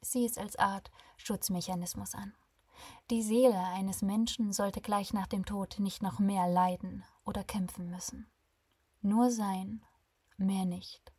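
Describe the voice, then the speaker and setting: A woman voicing a calm female ferryman between life and death, warm and friendly with a sarcastic bite, in a breathy voice. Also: medium pitch, unhurried, dry recording. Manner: warm, friendly, softly teasing.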